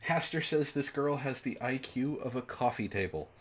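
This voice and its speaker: At normal speed and medium pitch, a man hosting a comic book club animatedly reads a story aloud. He breaks off now and then to ridicule the fan fiction in an exasperated, incredulous tone.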